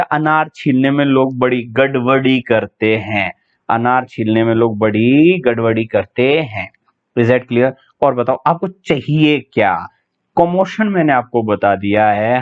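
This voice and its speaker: A male teacher runs a vocabulary lesson in a chatty style. He quizzes students and spells words out letter by letter. His voice sits at a middle pitch and sounds thin and tinny, like a phone line. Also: expressive, measured pace. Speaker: English teacher. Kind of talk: online exam-prep vocabulary lesson.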